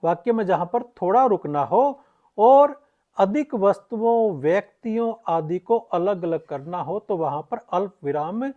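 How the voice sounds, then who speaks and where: A woman's voice: medium pitch, expressive, measured pace. A woman teaching Hindi grammar in an online lecture, explaining patiently and repeating each point. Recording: slightly muffled lo-fi audio.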